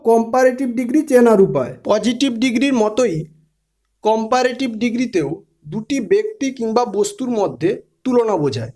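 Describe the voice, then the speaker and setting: A man's voice: extremely high pitch, a little mellow. A man teaching English grammar, explaining step by step and spelling words out letter by letter.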